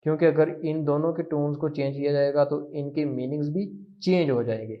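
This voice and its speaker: A man teaching a language lesson, patient and repeating each phrase slowly for practice. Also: on the high side. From Pakistan. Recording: muffled lo-fi recording.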